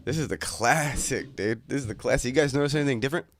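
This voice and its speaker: Talking fast in a mid-range voice, this young livestream host chats from his bedroom. He's laid-back, crude and joking, and sounds a little congested from a cold.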